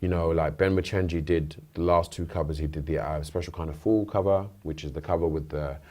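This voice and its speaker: Deep-voiced British man in interview. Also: steady tone, fairly quick, dark tone. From United Kingdom. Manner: thoughtful, rambling with restarts. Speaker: interview guest, rapper. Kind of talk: casual interview chat. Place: radio studio.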